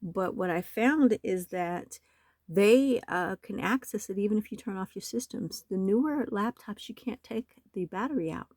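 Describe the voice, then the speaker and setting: A hoarse woman with a slight cold, talking in a rambling, aggrieved and urgent way in a home vlog. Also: medium pitch, expressive, normal speed, darkish tone, no room sound. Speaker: nonprofit website owner. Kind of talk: screen-recorded vlog. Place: home in the desert.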